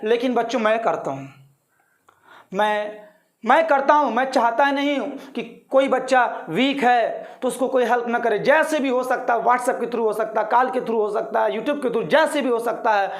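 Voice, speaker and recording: A man teaching a math lesson online, reassuring his pupils and keeping them engaged with repeated questions. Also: very high voice. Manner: repeats steps slowly for pupils to say along.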